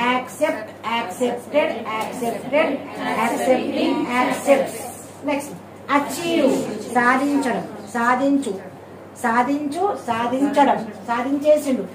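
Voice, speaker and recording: A woman's voice: high-pitched, roomy sound, recorded from a distance, rough recording. A woman with a Telugu accent teaching English verb forms, repeating words and checking with "okay?". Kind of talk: classroom grammar lesson.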